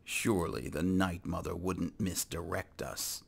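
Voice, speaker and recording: Slow, gravelly deep-voiced gamer. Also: male voice. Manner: dry, deadpan, speaking in character. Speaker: let's play host. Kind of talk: role-played gameplay commentary.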